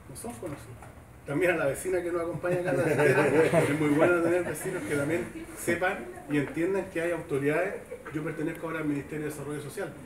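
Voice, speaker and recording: Chilean man speechmaking in an echoey shed. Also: on the high side. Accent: Chilean Spanish. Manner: chatty, folksy, seeking agreement with tag questions. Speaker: government official giving a speech. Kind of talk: informal public speech. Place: open-sided covered sports shed, semi-outdoors. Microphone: far camera, no microphone. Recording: echoey shed heard from a distance, background noise.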